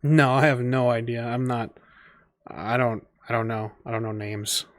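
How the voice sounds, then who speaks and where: A man's voice: medium pitch, flat delivery, moderate pace, no echo, studio quality. Rambling man game master. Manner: loose, thinking aloud with many fillers. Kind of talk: narrating a tabletop game.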